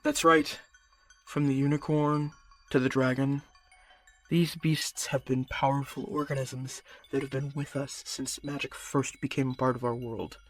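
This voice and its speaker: A voice actor plays a calm, persuasive specialist in magical creatures for an audio roleplay, addressing the listener directly with music in the background. His mid-range, natural voice sounds assured as he explains things in a measured, coaxing, instructive manner.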